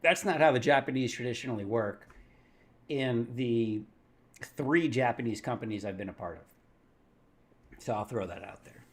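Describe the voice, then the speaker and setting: A man's voice: medium pitch, a little slow, long pauses. A man hosting a casual live market stream, rambling and thinking aloud, correcting himself as he goes and laughing often.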